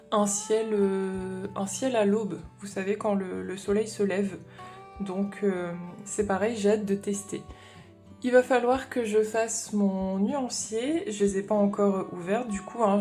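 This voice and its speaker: Chatty woman vlogger with a mellow voice. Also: medium pitch. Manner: chatty and explanatory, thinking aloud. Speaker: craft vlogger. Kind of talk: casual haul chat.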